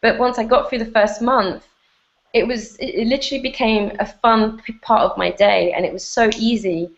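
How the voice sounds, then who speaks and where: A woman's voice: on the high side, fairly even intonation, moderate pace, creaky, muffled recording. A woman guest on an online hangout, chatting casually and loosely, with "like" scattered through her speech. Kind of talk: casual conversational interview.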